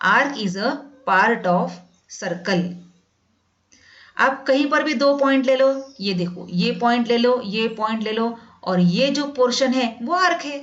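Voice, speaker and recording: A woman teaching a math class, patiently repeating each definition slowly and addressing her students as "beta". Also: fairly high pitch. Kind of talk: classroom lesson in Hindi with English definitions. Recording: dull lo-fi sound.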